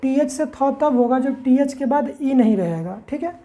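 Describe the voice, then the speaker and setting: Woman teacher, mellow higher voice, spells out words, quizzes the listener. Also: animated, normal speed, poor audio. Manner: spells words letter by letter and keeps asking rhetorical questions. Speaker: English teacher. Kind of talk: classroom-style lesson.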